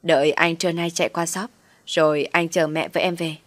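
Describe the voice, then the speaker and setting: Young husband played by a woman, gentle, reassuring, low voice. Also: fairly even intonation, brisk, no echo, lightly acted. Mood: calm.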